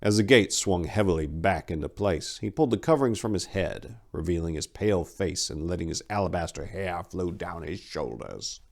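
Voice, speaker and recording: Here a host and narrator with a deep voice reads dramatic stories in a scripted, deliberate, theatrical manner. His intonation is lively, and there is some vocal fry.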